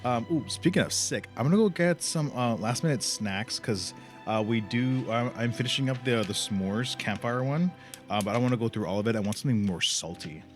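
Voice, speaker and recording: This is a man streaming a video game live, his commentary casual, crude and full of slang. His medium-pitched voice is animated and runs a little fast, over background game music.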